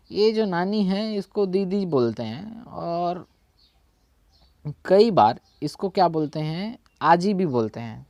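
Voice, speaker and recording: A man's voice: fairly high pitch, a little mellow, dry recording. A man with a Chhattisgarhi Hindi accent teaching a language in a casual spoken lesson, often checking in and correcting his own slips. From India.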